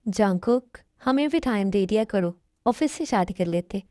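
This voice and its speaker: A woman's voice: mid-range voice, lively intonation, normal speed, warm tone, dry recording, studio quality, natural voice. A woman dubbing a middle-aged mother who scolds and presses her son, in an amateur dubbed love story. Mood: scolding.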